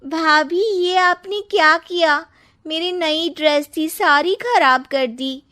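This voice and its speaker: Woman voicing a high, pert young sister-in-law. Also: slow, sharp tone, heavily acted. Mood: whiny, upset. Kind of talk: storybook character voice.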